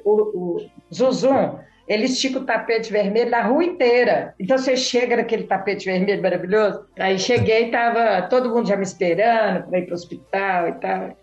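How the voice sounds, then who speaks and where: A woman telling a story in casual chat, animated and acting out quoted dialogue. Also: a little high. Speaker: podcast guest. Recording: echoey room, slightly dull sound.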